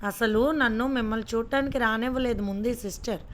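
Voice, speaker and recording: A woman's voice: fairly high pitch, a bit bright, slight background noise, natural voice. A woman reading the lines of a fussy, childlike middle-aged wife who complains and scolds. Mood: complaining. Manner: pouting, complaining, quick-tempered.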